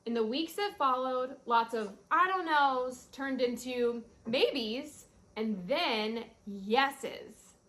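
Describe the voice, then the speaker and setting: With a high voice and a slow pace, a woman reads a children's picture book aloud in an expressive, storytelling way.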